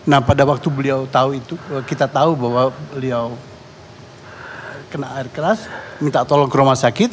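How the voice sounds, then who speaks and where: A man from Indonesia telling what he saw as a guest on a televised talk show, his speech halting and full of restarts. His voice sits at an ordinary pitch for a man. It rings with a long hall reverb, and faint room ambience runs underneath. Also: a little hiss or hum. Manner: halting, repeats and restarts words. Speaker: neighborhood head and eyewitness guest. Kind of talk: eyewitness account on a talk show.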